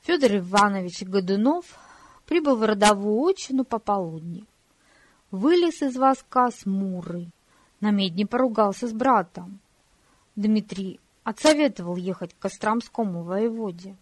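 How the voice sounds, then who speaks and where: A woman reading a historical story aloud in an expressive, measured way into a close studio mic. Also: mid-range voice, dry recording. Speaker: audiobook narrator. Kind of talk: scripted storybook narration.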